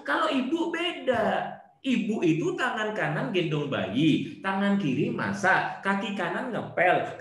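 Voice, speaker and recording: A man giving an online Islamic study lecture over a video call, animated, with rhetorical questions and playful asides. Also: extremely high pitch, roomy sound.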